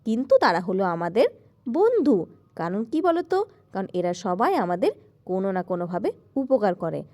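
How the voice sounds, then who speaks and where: A woman teacher explains an English lesson for young children, reading English lines slowly and asking quiz questions. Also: mid-range voice, big pitch swings, dark tone.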